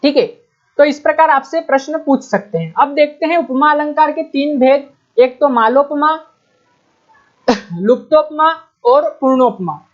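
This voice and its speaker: A high-pitched woman gives an exam-prep grammar lecture. She poses questions to her students, answers them herself and drills the key terms. The recording sounds dull and lo-fi. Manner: reads examples out slowly. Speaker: Hindi grammar teacher.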